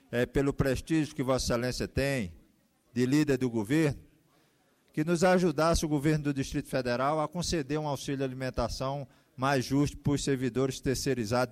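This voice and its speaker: A man's voice: mid-range voice, darkish tone. A man with a Brazilian accent speaking as a legislator, making a formal appeal in a parliamentary session.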